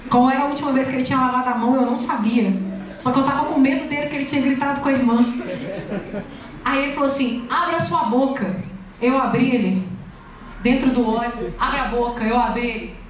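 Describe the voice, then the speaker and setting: A high-voiced woman preaches to a congregation, telling her story with lively humor. Her voice rings through a very echoey church hall. She is picked up from well back from the microphone. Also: fast talker, background noise. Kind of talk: sermon with personal testimony. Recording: echoey hall, distant mic.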